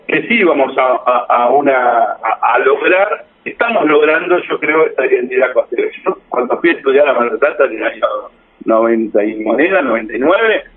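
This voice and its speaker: A man's voice: mid-range voice, expressive, moderate pace, phone-quality sound. A man with an Argentine accent chatting casually as a guest, rambling and restarting his sentences. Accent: Argentine Spanish. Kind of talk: casual conversation.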